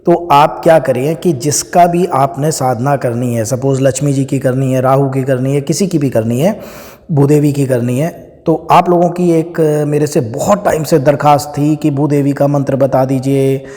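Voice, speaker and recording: A man's voice: mid-range voice, fairly even intonation, moderate pace, warm tone, long reverb tail. A man giving a casual spiritual talk, explaining with everyday examples and dropping in English phrases. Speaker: spiritual teacher.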